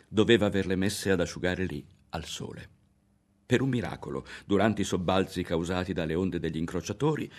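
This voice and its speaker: A man with a very deep, low voice and an Italian accent reads a literary novel aloud. His delivery is measured and expressive, with the care of a trained reader. The pace is steady throughout. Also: gravelly. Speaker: audiobook narrator. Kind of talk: literary audiobook reading.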